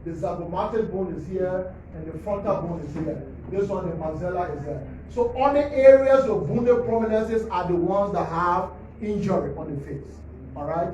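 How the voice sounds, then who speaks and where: This man is a forensic pathologist from Liberia who walks reporters through autopsy slides like a teacher, checking "all right?" after every point at a government press briefing. He speaks at a moderate pace in a high, slightly mellow voice, with a little hiss or hum. The distant mic leaves the hall echoey and muffled.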